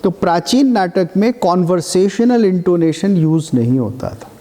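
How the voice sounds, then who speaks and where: A man's voice: high voice, animated, moderate pace, dark tone. A man giving a classroom lecture, explaining patiently and breaking now and then into chanted demonstrations. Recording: reverberant lecture hall.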